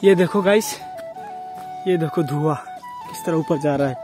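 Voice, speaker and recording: A high-pitched man talks straight to his viewers while filming on a phone held in his hand. He is outdoors on a dusty road by a forest, and loud background music plays under his voice. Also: normal speed. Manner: talks straight to viewers, keeps saying bhai and guys. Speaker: vlogger. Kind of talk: casual handheld walking vlog. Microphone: phone camera held in hand.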